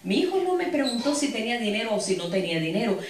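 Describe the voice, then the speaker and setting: A woman's voice: on the high side, very animated, fast. Woman preaching in an echoey church hall. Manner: storytelling, addresses the congregation with frequent asides. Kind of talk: sermon. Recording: echoey hall, distant mic.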